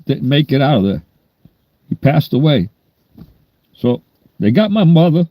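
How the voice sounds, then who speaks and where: A man's voice: on the high side, sing-song, unhurried, no room sound, highs cut off. A man, chatting bluntly and rambling on a livestream. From New York. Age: 60s. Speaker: livestream host. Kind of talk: casual livestream chat.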